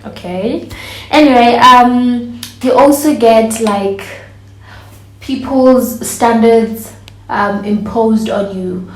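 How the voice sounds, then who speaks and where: A woman's voice: fairly high pitch, slow pace. A woman, chatting casually to camera as a vlogger and laughing often. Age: 20s. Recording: echoey room.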